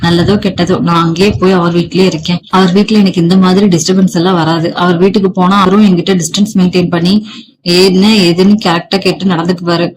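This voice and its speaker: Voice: medium pitch, flat delivery, fast, lightly acted, rough recording. A storyteller reading the lines of a defiant, angry young married woman who speaks sharply and scoldingly. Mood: firm, resigned.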